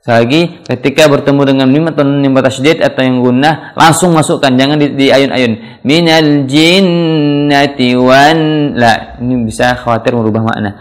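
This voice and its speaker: A man teaching Quran pronunciation, explaining patiently and then chanting verse fragments slowly. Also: medium pitch, fairly even intonation. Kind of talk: tajwid lesson with slow recited examples.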